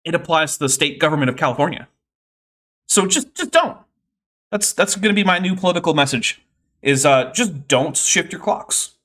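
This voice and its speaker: A man's voice: a little high, lively intonation, moderate pace, fairly bright tone. A man giving casual, sardonic commentary while reacting to a debate clip on his stream, rambling with fillers.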